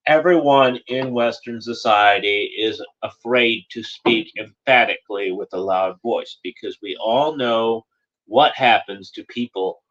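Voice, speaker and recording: Rambling low-voiced man, lo-fi audio. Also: unhurried, fairly bright tone. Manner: rambling, repeats phrases, frequent "you know". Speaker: political commentator. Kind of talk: casual spoken monologue.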